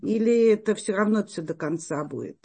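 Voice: medium pitch, animated, normal speed, gravelly, dark tone, breathy edge. A moderator of an interactive meeting who asks a long question, hesitant with many fillers and restarts.

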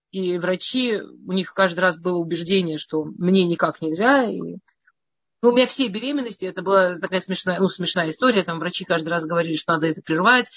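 A woman's voice: on the low side, a bit bright, dry recording, highs cut off. A middle-aged woman from Russia casually telling her life story in a meandering way, often restarting and stammering over words.

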